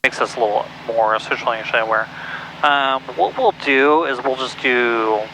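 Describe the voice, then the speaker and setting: A man's voice: mid-range voice, moderate pace, sharp tone. A man giving casual, reassuring instruction as a flight instructor, speaking on a pilot headset. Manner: easygoing, reassuring. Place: small aircraft cockpit. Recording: noisy small aircraft cockpit, headset intercom.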